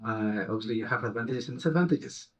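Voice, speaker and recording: A man's voice: medium pitch, animated. A man guesting on a podcast, explaining security thoughtfully with frequent halts and restarts. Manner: thoughtful, halting, many restarts while explaining. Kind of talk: casual interview chat.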